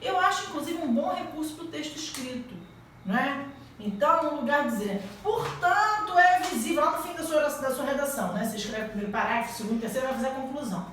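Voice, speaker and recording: Animated and fast, this Brazilian Portuguese teacher has a high, fairly bright voice as she drills students on grammar with rising questions. The echoey classroom, distant mic, and a little hiss or hum shape the sound.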